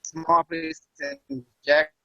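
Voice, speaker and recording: A man's voice: takes it slowly, pushed and bright, dry recording. A man leading a guided meditation over a group video call, his voice glitching and distorted by a bad connection as he keeps checking that he can be heard. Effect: glitching, distorted audio from a bad connection. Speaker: meditation facilitator. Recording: dull lo-fi call audio, dry.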